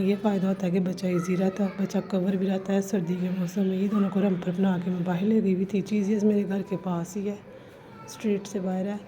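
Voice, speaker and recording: A woman's voice: mid-range voice, warm tone. A woman, narrating a casual home and cooking vlog in a chatty, homely way. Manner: chatty, homely, addresses viewers as "ji". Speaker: vlogger. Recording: slightly dull lo-fi recording with faint ambience. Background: faint household noise.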